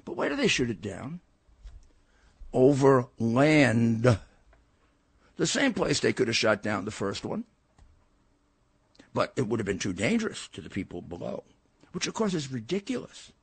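A man's voice: mid-range voice, wildly swooping pitch, a little slow, vocal fry, pauses often, breathy edge, dry recording. An older man hosting a political talk show, giving a blunt, combative commentary monologue with frequent stammered restarts.

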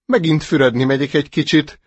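A man's voice: on the high side, breathy edge, no echo, dull audio, pitched above the performer's own voice. A man voicing a cheerful newly hatched duckling in a storybook reading, with chirpy, eager exclamations.

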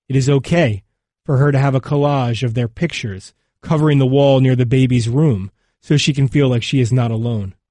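A man reading a magazine feature as scripted narration, in a measured, solemn way. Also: medium pitch, warm tone, dry recording, clean studio sound.

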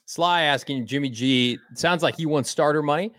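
A man's voice: on the high side, normal speed, fairly bright tone, dry recording, clean studio sound. A man co-hosting a live sports podcast, chatting casually in an upbeat, folksy way. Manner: upbeat, folksy sign-offs. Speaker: podcast co-host.

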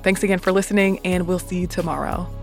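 A woman hosting a podcast reads scripted history in a measured, deliberate way, sounding muffled as if recorded in a closet. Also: on the low side, flat delivery. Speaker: podcast host. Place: small home closet. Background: music.

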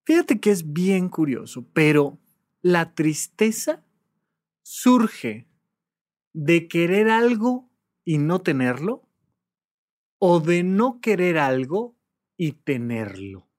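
A therapist in an animated podcast monologue, acting out hesitant client replies and patiently repeating questions. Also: mid-range voice, slow, long pauses.

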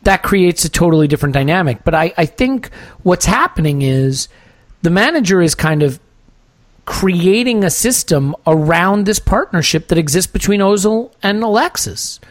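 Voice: medium pitch, expressive, dry recording. Thoughtful football podcast host, dry sound. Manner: thoughtful, measured, many small restarts. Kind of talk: casual football analysis.

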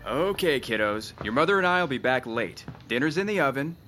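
A man's voice: medium pitch, animated, fairly quick, bright, forceful tone, faint music behind. An actor playing a stern father giving his children orders before leaving for the night.

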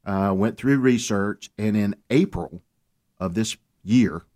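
A man, a guest on a talk radio show, telling his story in an earnest, animated way. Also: fairly low pitch, takes it slowly. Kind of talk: casual radio chat.

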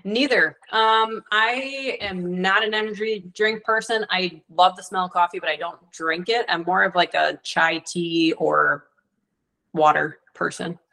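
A woman's voice: lowish voice, fairly even intonation, unhurried, gravelly, bright, forceful tone, low-quality recording. A woman guest on a podcast, answering in a candid, easygoing way about hunting and dog training. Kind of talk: casual interview chat.

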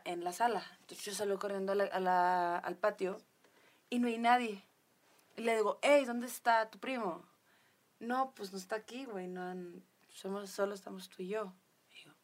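Mexican woman, podcast guest, casual storyteller, acts out the quoted lines, mid pitch. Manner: chatty, lots of fillers and quoted dialogue.

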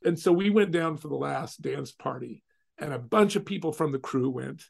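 A middle-aged man from California telling a personal story in casual talk, animated and acting out the voices of others. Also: a little high, moderate pace, vocal fry. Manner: animated, acts out quoted voices.

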